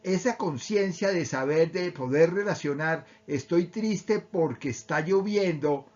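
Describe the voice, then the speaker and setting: A man with a Colombian accent, calmly explaining how emotions work with everyday examples. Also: fairly high pitch, a little slow, highs cut off. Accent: Colombian Spanish. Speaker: speaker on emotional education. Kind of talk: explanatory talk.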